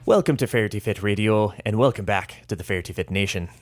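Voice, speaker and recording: A man's voice: lowish voice, brisk, loud music behind the voice. A man in his forties co-hosting a fitness podcast as a coach, chatting casually in a laid-back, chuckling way.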